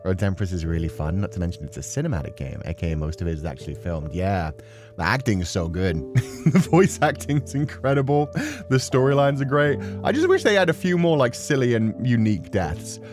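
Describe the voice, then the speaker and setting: Very animated and brisk, this man talks in a lowish voice over music. He's a gaming streamer hosting a livestream, rambling in casual, expressive chat before the game.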